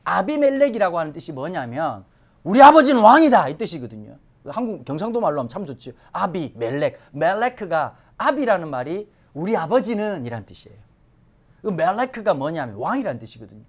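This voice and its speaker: A male pastor giving a Sunday sermon in a lively, conversational way with joking asides. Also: on the high side, a little fast.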